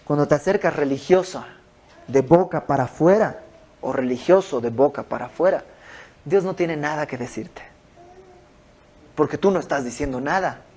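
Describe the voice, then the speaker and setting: A man's voice: fairly high pitch, moderate pace, long pauses, darkish tone. A man teaching an informal Bible study in a home, explaining verse by verse with conversational asides. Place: a private home.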